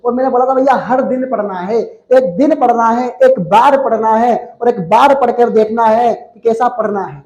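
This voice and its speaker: Brief: male chemistry teacher, very high voice, playful and scolding, live class in an echoey room. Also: steady tone, normal speed, few pauses, darkish tone. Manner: playful, teasing, scolds with jokes and sayings. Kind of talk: live online class lecture.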